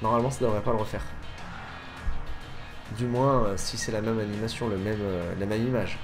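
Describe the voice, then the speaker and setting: A man's voice: fairly low pitch, steady tone, fairly quick, music in the background. A man chatting casually over gameplay, rambling and often correcting himself mid-sentence. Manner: rambling, self-correcting, fillers. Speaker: gaming youtuber.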